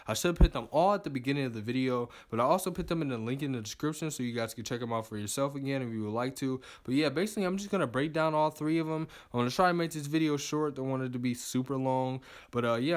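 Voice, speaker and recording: A man hosting a movie news video, talking casually and rambling, with lots of repeated words and fillers. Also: medium pitch.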